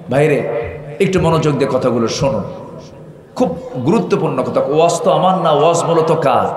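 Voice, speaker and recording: A man preaching a Bengali waz sermon, calling out to the crowd for answers and rising into shouted climaxes. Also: medium pitch, echoey room. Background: crowd responding.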